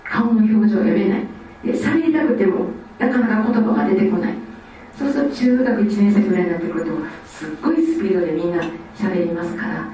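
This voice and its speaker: A woman from Osaka, giving a lively lecture on child development. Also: medium pitch, fast, slight background noise. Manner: lively, acts out children's speech. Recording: echoey hall, distant mic, faint ambience.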